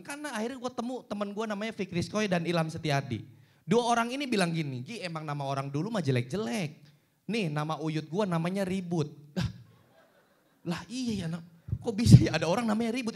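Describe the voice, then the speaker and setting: Animated young man doing stand-up. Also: very high voice. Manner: animated storytelling that acts out quoted dialogue. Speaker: stand-up comedian. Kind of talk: stand-up comedy set. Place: cinema stage with a live audience.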